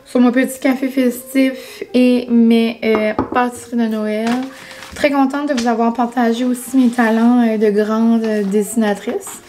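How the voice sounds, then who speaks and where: A woman's voice: a little high, a little mellow, a little hiss or hum. A young woman with a Quebec French accent chatting casually to camera, full of fillers and English words. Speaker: vlogger. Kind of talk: casual vlog chat.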